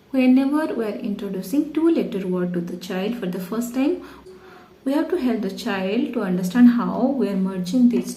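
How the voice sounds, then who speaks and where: A woman's voice: mid-range voice, a little hiss or hum. A woman teaching preschool phonics, patiently explaining activities and stretching out letter sounds for children to repeat. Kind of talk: instructional phonics demonstration. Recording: echoey room.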